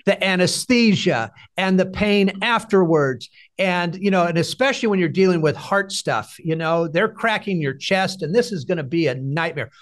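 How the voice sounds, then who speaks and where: Man host, fairly high voice, blunt and salty, animated storyteller. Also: moderate pace, hardly any pauses. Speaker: podcast host. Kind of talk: conversational podcast interview.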